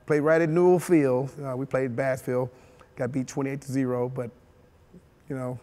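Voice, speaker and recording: This Mississippi-born former football player speaks in a mid-range voice at a moderate pace, the audio echoing as if in a large hall. Relaxed and often chuckling, he fills his life story with "you know" during a sit-down interview in a dark-backdrop studio.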